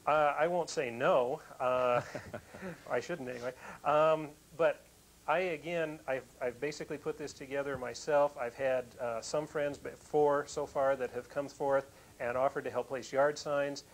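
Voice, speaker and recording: A man's voice: mid-range voice, fairly even intonation, measured pace, rough recording. A man, a political challenger, answering a live remote news interview in an earnest, plain-spoken way. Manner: earnest, self-conscious laughs.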